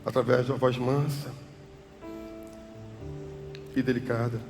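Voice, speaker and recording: A male pastor with a Brazilian Portuguese accent preaching a sermon, swinging from loud cries to soft, hushed tones. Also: mid-range voice, flat delivery, measured pace. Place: church hall. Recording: church hall reverb with music behind.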